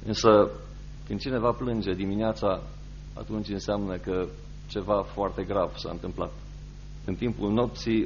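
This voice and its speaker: Male pastor, lowish voice, slow measured sermon delivery, slightly muffled radio sound. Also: slight background noise. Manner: measured, pausing between short phrases. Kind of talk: sermon with scripture reading. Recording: slightly dull radio recording with faint music.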